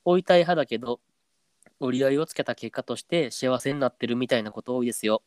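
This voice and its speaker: A man's voice: medium pitch, fast talker, dry recording. A man with a Kansai accent co-hosting a podcast, chatting easily and reading a listener's letter aloud. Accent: Kansai Japanese. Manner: easygoing, drops into a stiff flat voice when trying standard speech. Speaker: podcast co-host.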